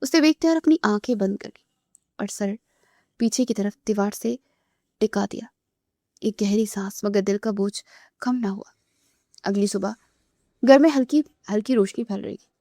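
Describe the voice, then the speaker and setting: A woman narrating a romance novel aloud in a soft, emotive way, sometimes dropping to a whisper. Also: medium pitch, long pauses, no echo, clean studio sound.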